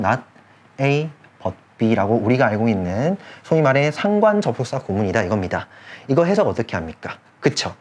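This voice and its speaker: A male English grammar teacher giving an online lesson. His voice swings up and down through each explanation. He keeps checking that his students follow and slows down to draw out the important phrases. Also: mid-range voice, a little mellow. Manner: checks in with students constantly, repeating key points; drawls key phrases slowly for emphasis. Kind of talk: online lecture.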